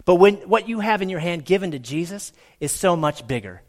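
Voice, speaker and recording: A man with a high voice preaches as a pastor. His sermon is conversational and emphatic, ringing with the reverb of a large hall. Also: animated, a little fast. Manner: conversational, emphatic, rhetorical questions. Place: large room with a congregation.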